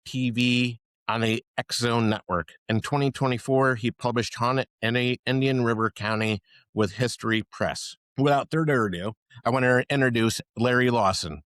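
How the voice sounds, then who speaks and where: A man hosts a podcast and reads a long introduction before asking questions. He talks in a measured way and stumbles now and then. The sound is dry and close. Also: mid-range voice, a bit bright, no room sound. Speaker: podcast host. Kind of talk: podcast interview, reading an introduction.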